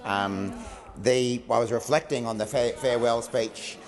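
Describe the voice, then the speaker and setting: A man with an Australian accent giving a formal parliamentary answer in a measured, carefully worded, somewhat hesitant way. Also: medium pitch, fairly even intonation. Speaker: government minister. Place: large parliamentary chamber. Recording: echoey chamber with long reverb.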